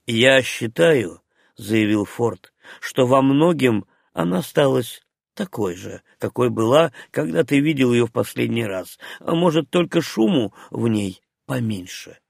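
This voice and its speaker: A man voicing a calm, dry-witted young squire, speaking unhurriedly. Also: mid-range voice, unhurried, creaky, dry recording.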